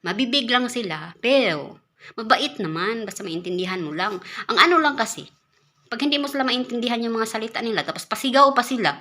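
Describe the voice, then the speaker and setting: Casting note: woman from the Philippines, caretaker vlogger, bright voice, chatty and easygoing, stumbles and restarts words. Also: on the high side, animated, brisk. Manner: chatty, repeats and restarts words, laughs often. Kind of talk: casual vlog talk.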